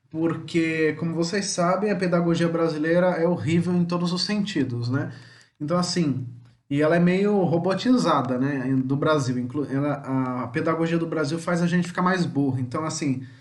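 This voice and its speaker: Brazilian man teaching in an echoey room. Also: on the high side. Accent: Brazilian Portuguese. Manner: chatty, many tag questions, slow deliberate word examples. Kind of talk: homeschool language lesson.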